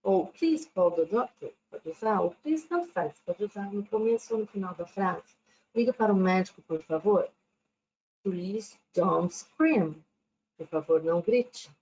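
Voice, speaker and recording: A woman's voice: mid-range voice, expressive, normal speed, warm tone. A woman, an English teacher giving a recorded lesson. She explains patiently, checks in often with "né?", and reads English examples carefully. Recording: dull lo-fi recording with faint background noise.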